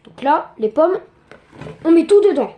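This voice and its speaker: A young woman giving a casual cooking tutorial in her home kitchen, chatty and quick to joke about herself. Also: very high voice, sing-song, warm tone. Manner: chatty, joking, self-mocking asides.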